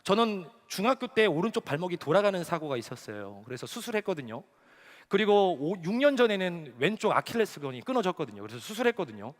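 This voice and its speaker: A male pastor in his thirties preaching a sermon with animated storytelling. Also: sits high, quick pace. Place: church sanctuary. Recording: reverberant church hall.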